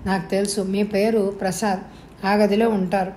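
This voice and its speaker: A woman voicing a gentle, sorrowful young mother who speaks softly and wearily in a storybook reading. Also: mid-range voice, level tone, normal speed, a little hiss or hum, close to an everyday voice. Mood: sad. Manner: soft, tired speech.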